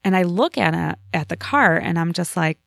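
A woman in casual podcast chat, telling a story in an animated way and acting out the lines of the people in it. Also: lowish voice, normal speed, vocal fry, no echo, studio quality. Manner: animated storytelling with voiced quotes.

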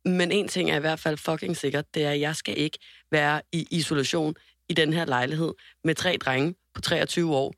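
Young woman podcast co-host, lively storyteller, cusses freely, close and dry on the mic. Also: deep voice, no room sound. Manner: animated storytelling, swears freely. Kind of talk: casual podcast chat.

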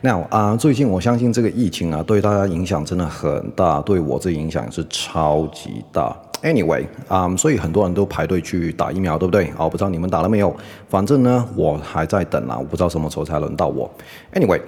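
A man hosting a casual podcast lesson on English pronunciation, mixing Chinese with English fillers and slowly repeating words to model them. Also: low-pitched, a little mellow, husky, in a large hall.

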